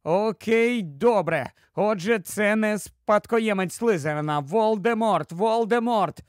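A man's voice: sits high, slow, dry recording, clean studio sound. A man voicing an anxious, clever teenage wizard boy who talks in a flustered, fretful way. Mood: panicked.

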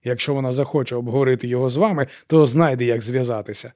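A man's voice: medium pitch, very fast, darkish tone, dry recording, clean studio sound, natural voice. A man voicing a big, angry man who barks accusations at an old woman. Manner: harsh, barking, accusing.

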